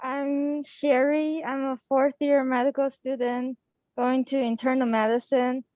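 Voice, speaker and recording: A woman's voice: sits high, little pitch movement, measured pace, a little mellow, no echo. A young woman medical student calling in from an airport, friendly and polite.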